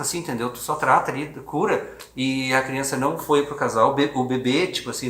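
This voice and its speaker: Recorded by phone in a room with lots of echo, this man recounts his experience as an adoptive father for a documentary, faltering and starting over many times. His mid-range voice sounds pushed and bright.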